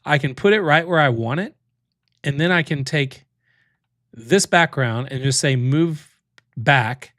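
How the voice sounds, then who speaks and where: Chatty man demoing software live, dry close sound. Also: on the high side, expressive, moderate pace, long pauses, no echo. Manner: chatty, thinks aloud, many fillers. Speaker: livestream host demoing software. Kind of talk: casual livestream walkthrough.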